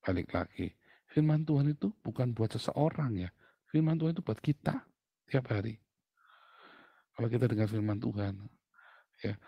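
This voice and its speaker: A middle-aged man preaching a sermon as a pastor, blunt and animated, joking and laughing with his listeners. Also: mid-range voice, normal speed, vocal fry, long pauses, husky, no echo, poor audio.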